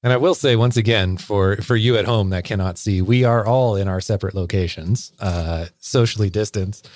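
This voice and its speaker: Low-voiced man hosting a beer podcast. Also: normal speed, dry recording, clean studio sound. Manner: relaxed, leads the beer tasting with questions. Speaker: podcast host. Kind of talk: casual chat. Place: home setup, remote call.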